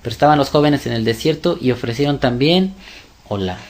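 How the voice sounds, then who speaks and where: A man gives a sermon-style scripture lesson in a voice of ordinary pitch. He stresses his points hard and keeps asking rhetorical questions. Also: animated, brisk. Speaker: religious teacher. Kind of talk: sermon-style Bible teaching.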